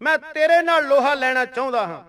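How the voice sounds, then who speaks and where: A man playing a raging general spitting rhymed threats at his enemy, pitched high and caught by a mic some distance away, in a recited battle tale. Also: a little fast, fairly bright tone. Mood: furious. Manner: angry threatening boasts in rhymed verse. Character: furious boastful male army general.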